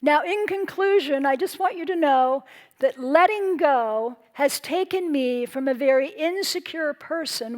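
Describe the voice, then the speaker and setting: Woman speaker, high voice, earnest and emphatic, inspirational stage talk. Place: stage before a live audience.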